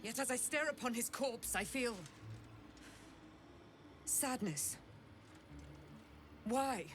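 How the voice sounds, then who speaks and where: An actress playing a stern, proud female paladin knight in a video game, speaking in a measured, formal way. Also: fairly high pitch, a bit bright, slight background noise. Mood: solemn. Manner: measured, formal, archaic phrasing.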